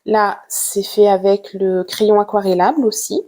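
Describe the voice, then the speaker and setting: A woman art vlogger walks through her drawing materials in a casual show-and-tell. She speaks at an unhurried, slow pace, gentle and soft-spoken. She pauses often and fills the gaps with hesitant fillers. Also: medium pitch, fairly even intonation. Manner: hesitant, with frequent "euh" fillers.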